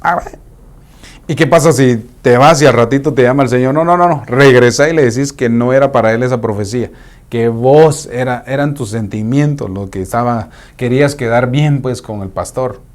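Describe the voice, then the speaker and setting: A man's voice: medium pitch, moderate pace. A man preaching a sermon, acting out Bible scenes in different voices. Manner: animated, acts out scenes in voices.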